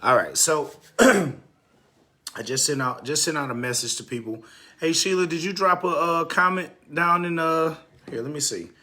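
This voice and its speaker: This slightly slow man has a fairly high, bright voice with a forceful edge, and he's a little congested. Hosting a livestream on home businesses from Texas, he chats casually, repeats phrases, and mutters off while glancing at the phone he uses as a mic.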